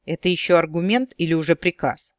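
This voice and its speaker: A man's voice: on the high side, a little fast, dry recording, muffled recording, lightly acted. A man reading as a stubborn young elf woman. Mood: challenging.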